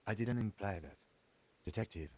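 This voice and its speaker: A man voicing a calm, dry male police lieutenant in a video game, asking measured, curt questions. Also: fairly low pitch, pitched below the performer's own voice, close to an everyday voice, poor audio.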